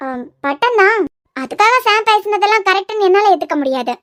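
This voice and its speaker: A woman voicing a sharp-tongued young wife in a cartoon web series, with a Kanyakumari Tamil accent and a pert, argumentative manner. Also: very high-pitched, expressive, dry recording, clean studio sound. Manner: pert, quick to argue.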